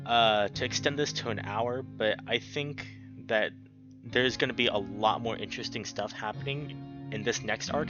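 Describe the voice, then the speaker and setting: A young adult man with a medium-pitched voice reads a visual novel aloud for his video, tossing in casual commentary as host and narrator. Loud game music fills the background, and the audio is dull.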